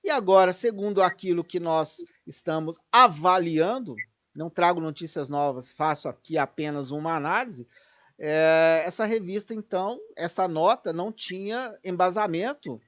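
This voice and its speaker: A man hosting political commentary, excitable and digressive, often correcting himself mid-sentence over a video call. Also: high voice, normal speed. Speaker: host.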